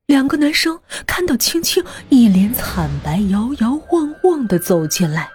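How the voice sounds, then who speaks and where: A woman narrating a horror story in a hushed voice that often drops to a half-whisper. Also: a little high, big pitch swings, unhurried, faint music behind.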